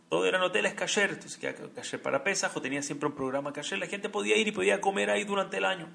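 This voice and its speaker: Man giving a torah class, gravelly, bit high voice, goes loud n slow then drops to whispers. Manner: swings from loud slow emphasis to soft, near-whispered asides. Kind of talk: Torah lesson with storytelling.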